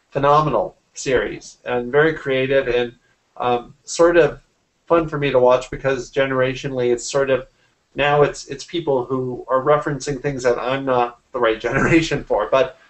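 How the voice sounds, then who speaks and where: Over a video call from a small room in his home, an artist and art teacher in his forties speaks casually as an interview guest, frequently rephrasing mid-sentence. His mid-range voice stays fairly even at normal speed, but the computer mic leaves the audio poor.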